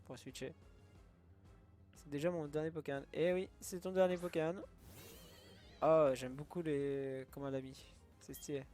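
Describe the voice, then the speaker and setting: A man's voice: a little high, fairly even intonation, moderate pace, long pauses, darkish tone, soft background music. A man doing casual let's play commentary, thinking aloud, often laughing. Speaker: gaming youtuber.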